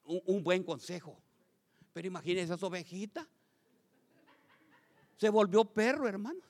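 A man preaching a lively sermon to his congregation as pastor, swinging from loud calls to quiet asides and asking the crowd questions. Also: high voice, moderate pace. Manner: addresses congregation as brothers, asks questions.

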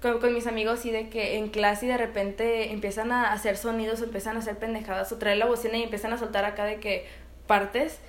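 A woman's voice: a little high, level tone, brisk, echoey room. A young woman with a Mexican Spanish accent, rambling in casual chat with many fillers.

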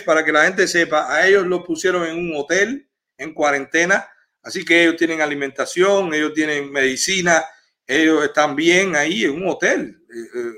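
A man's voice: a little high, pushed and bright. A man from Cuba hosting a livestream, giving the viewers an earnest update. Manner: earnest, informative, frequent "eh" fillers. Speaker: livestream host.

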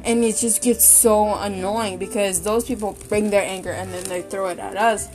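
A woman's voice: mid-range voice, fairly even intonation, normal speed, darkish tone, faint music behind. A young woman telling a work story in a casual, chatty, exasperated way, full of fillers.

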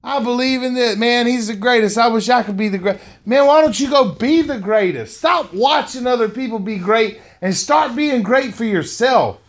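A man's voice: extremely high pitch, normal speed, hardly any pauses. A middle-aged man hosting a podcast, giving a motivational monologue, repeating lines for emphasis and often calling the listener "man". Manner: slangy, says "man" often. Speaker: podcast host and motivational speaker.

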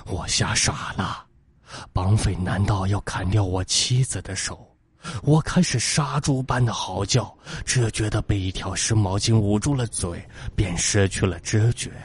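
A man narrating a horror story in a calm, measured reading voice. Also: lowish voice, husky, no room sound.

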